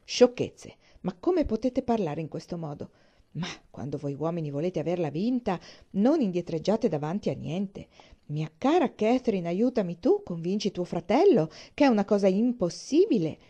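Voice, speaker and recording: A woman's voice: lowish voice, big pitch swings, moderate pace, dark tone. Isabella, gushing young woman, read by a woman. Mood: effusive. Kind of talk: audiobook reading.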